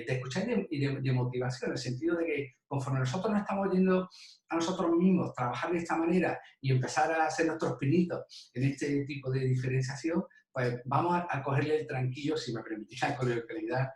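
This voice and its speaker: Man lecturing in an echoey room. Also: mid-range voice. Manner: explanatory, with many restarts and repeated "de". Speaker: university lecturer in English phonetics. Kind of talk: recorded teacher-training talk. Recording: echoey room, mic at a distance.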